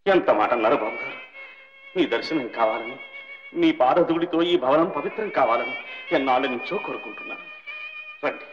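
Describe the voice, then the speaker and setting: A man's voice: medium pitch, huge pitch swings, fairly quick, long pauses. An actor playing a young male doctor, earnest and reverent toward the old man who paid for his studies, in a film melodrama. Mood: coaxing. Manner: earnest, reverent, calls out in anguish. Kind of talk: 1960s Telugu film melodrama. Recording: dull old film soundtrack with faint music.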